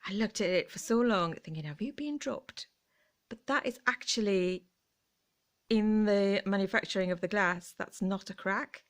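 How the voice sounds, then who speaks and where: A woman's voice: medium pitch, normal speed. Chatty woman gushing over finds. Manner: chatty, gushing, dips into whispers. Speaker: vlogger. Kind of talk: casual chat.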